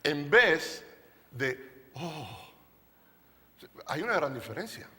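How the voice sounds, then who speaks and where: A pastor with a high, bright, ringing voice delivers a sermon at a church service, speaking at an unhurried pace. He is expressive and playful, leaning on emphasis, tossing rhetorical questions at the congregation and joking with them. A long church-hall reverb trails his words.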